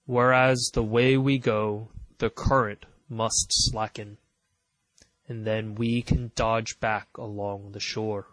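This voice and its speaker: A man's voice: fairly low pitch, level tone, slow pace, fairly bright tone, dry recording, low-quality recording. A man voicing a stern, commanding male ship captain who gives firm, clipped orders.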